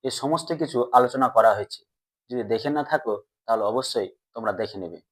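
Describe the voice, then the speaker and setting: Husky-voiced man teaching a grammar lesson. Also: mid-range voice. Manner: asks students questions and answers them himself; drawn-out slow syllable-by-syllable pronunciation.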